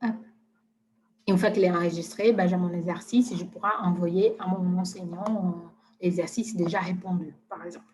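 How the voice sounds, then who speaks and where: A woman presenting software in a live webinar, talking casually with many hesitations and fillers. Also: fairly low pitch, steady tone, normal speed.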